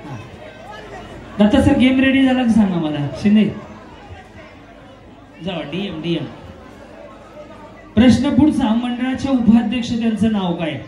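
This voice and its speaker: High-pitched man emceeing a festival quiz. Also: animated, unhurried, pauses often. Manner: loud, teasing, scolds the crowd. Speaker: quiz host at a women's festival event. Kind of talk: live event emceeing over a PA. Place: festival event with a crowd. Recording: echoey PA with music and crowd.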